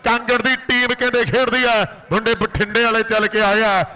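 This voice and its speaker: A male commentator with a Malwa Punjabi accent gives frantic rural sports commentary. His voice is pitched extremely high with a forceful, sharp edge. He follows the kabaddi in a running play-by-play. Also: fairly even intonation, fairly quick. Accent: Punjabi from Indian Punjab's Malwa region.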